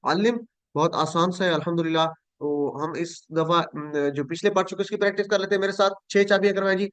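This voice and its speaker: A high-pitched man leads an online class, drilling verb forms and repeating each one slowly. His voice is dry and close, with no room around it. He corrects his students patiently. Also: fairly even intonation, a bit bright, smooth, dry recording. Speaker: Quran Arabic teacher.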